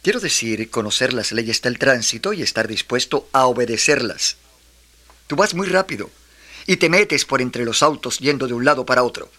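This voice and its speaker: Firm, bright-voiced father. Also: mid-range voice, expressive, moderate pace. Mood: firm, stern. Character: firm, cautious father, stern but patient. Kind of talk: children's audio drama dialogue.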